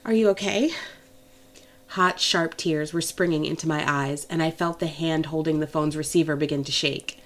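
A woman with a slightly low voice reads a romance novel in the first person. Her delivery is intimate and emotional, and she tells the story closely and warmly. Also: level tone, normal speed, hardly any pauses. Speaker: audiobook narrator.

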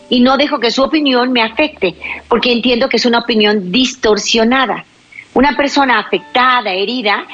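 A woman giving relationship advice to women, firm and slowing down to stress key points. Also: on the high side, fairly bright tone, lo-fi sound.

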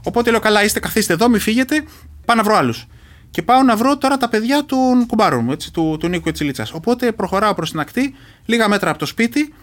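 A middle-aged Greek man, a former reserve commando appearing as an interview guest, earnestly retells a personal experience, halting and restarting as he goes. His voice is high-pitched and very animated.

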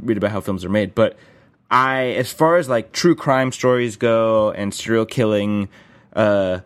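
A man co-hosting a casual film discussion, speaking haltingly with frequent agreeing interjections. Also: lowish voice, clear, resonant tone. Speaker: podcast co-host.

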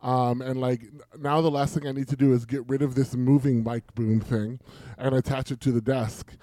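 Mellow man gushing about his desk. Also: mid-range voice, little pitch movement, normal speed, dry recording. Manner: enthusiastic, rambling about gear. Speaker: podcast co-host. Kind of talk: casual chat.

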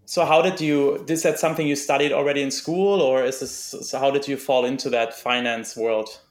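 A man's voice: mid-range voice, fairly even intonation, fairly quick. A man hosting a personal finance podcast, interviewing a guest with frequent ums and uhs. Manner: hesitant, many fillers. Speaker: podcast host.

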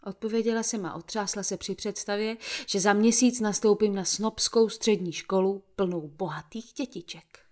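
A woman reading a first-person novel aloud in a measured storytelling voice with a dry, ironic edge. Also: mid-range voice, steady tone, darkish tone. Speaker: audiobook narrator.

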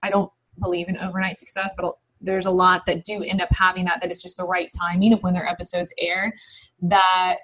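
A woman business founder talking casually as an interview guest, animated and quick, with many fillers. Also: fairly low pitch, slight background noise, rough recording.

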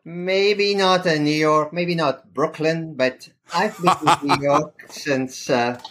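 A man's voice: on the high side, takes it slowly, fairly bright tone. A man in his fifties from South Africa with a South African accent, answering interview questions modestly, with occasional hesitations. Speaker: podcast guest.

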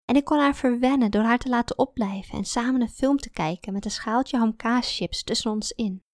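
Audiobook narrator: woman, confiding first-person reading, fairly high voice, dry close recording. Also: a little fast, dry recording. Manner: confiding, introspective storytelling.

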